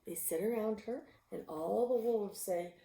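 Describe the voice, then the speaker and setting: A woman reading a picture book aloud, expressive, sometimes dropping to a whisper. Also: medium pitch, a little slow. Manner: expressive, with gasps and animal sounds; drops to a whisper at tense moments. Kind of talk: storybook read-aloud. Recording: roomy echo.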